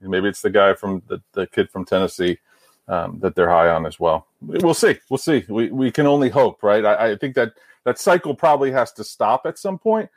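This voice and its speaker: A man chats about sports in a halting way, repeating words as he gets going. His voice is low. The sound is dry and close to the mic. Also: animated, no echo. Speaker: podcast co-host. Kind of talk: casual sports chat.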